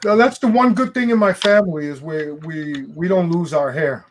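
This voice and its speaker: A man in his sixties hosting a casual stream chat, chatty and quick to laugh, grumbling about clients who pay late. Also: fairly high pitch, slight background noise. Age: 60s.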